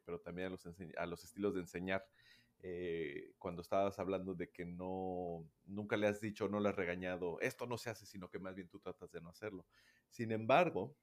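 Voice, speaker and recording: A man with a very low voice speaks in a relaxed, explanatory way. He talks through child welfare work in a casual conversation. He acts out examples, at times raising his voice sharply and at times dropping to a hush.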